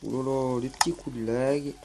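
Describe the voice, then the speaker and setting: A young man chats over his gameplay, hesitant and full of fillers. His voice sits at an ordinary middle pitch. Soft music plays faintly underneath. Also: steady tone, moderate pace. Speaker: gaming YouTuber. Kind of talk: casual gameplay commentary.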